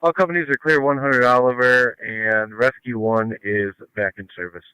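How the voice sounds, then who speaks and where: A man's voice: mid-range voice, steady tone, normal speed, pushed and bright, clean tone, no room sound, low-quality recording. A man speaking in terse, procedural firefighter radio talk over a two-way radio. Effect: two-way radio transmission. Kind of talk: clipped emergency radio traffic. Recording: emergency scanner radio stream.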